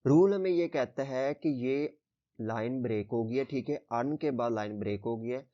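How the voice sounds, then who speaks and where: A male braille teacher patiently explains the rules step by step, repeating "theek hai" and "okay" to check understanding as he goes. His voice is medium-pitched and warm at a normal speed, with slightly dull lo-fi recording quality.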